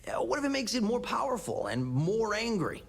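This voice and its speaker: An actor playing an anxious, wordy, wry space operative in a video game, with a raspy voice. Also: male voice, sits high, sing-song, normal speed, full character voice. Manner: fretful, wordy, sardonic. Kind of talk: video game character dialogue.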